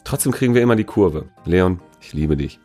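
Being interviewed as a musician, a man with a deep, warm voice talks casually in a loose, slangy, teasing style. He's expressive and fairly quick, with faint music in the background.

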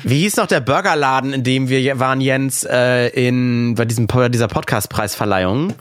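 A man's voice: mid-range voice, moderate pace, faint music behind. A man in his thirties co-hosting a podcast in casual chat, playful and joking as he leads the topics. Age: 30s. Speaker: podcast co-host.

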